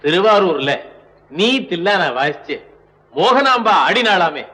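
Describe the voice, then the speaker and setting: An actor playing a kindly male patron who speaks in a warm, reassuring way. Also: high-pitched, expressive, a little slow, heavily acted.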